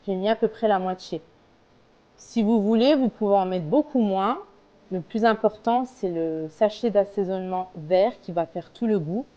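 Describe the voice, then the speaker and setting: A woman's voice: medium pitch, normal speed, dark tone, highs cut off. A woman casually talking through a recipe step by step as a home cook, in a hesitant, explanatory way. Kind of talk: casual cooking tutorial, talking through steps.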